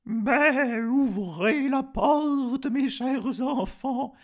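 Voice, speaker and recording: A sly storybook wolf putting on a sugary falsetto to pass for a mother goat, played by a man. The voice sits very high and stretches every word out slowly. It sounds strained and unnatural. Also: full character voice. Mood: coaxing. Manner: slow, sugary, drawn-out falsetto coaxing. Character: big bad wolf faking a sweet mother voice.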